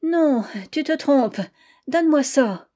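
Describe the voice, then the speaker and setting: A woman's voice: fairly high pitch, moderate pace, warm tone, lightly acted. A woman reading aloud voices a flustered young wife guarding a secret, breathless, stammering and pleading.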